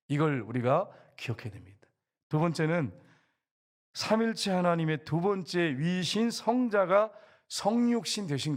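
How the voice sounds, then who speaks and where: A male pastor delivering a sermon with animated, swooping intonation. His voice sits a little high, and he acts out quoted speech as he addresses the congregation directly. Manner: animated preaching, acting out quoted lines.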